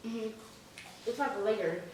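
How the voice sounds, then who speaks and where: A woman's voice: on the high side, unhurried, a little mellow. A woman hosting a casual eating video, talking between bites. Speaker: vlogger. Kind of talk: casual mukbang chat. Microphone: camera set back from the table. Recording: echoey room, distant camera, noisy.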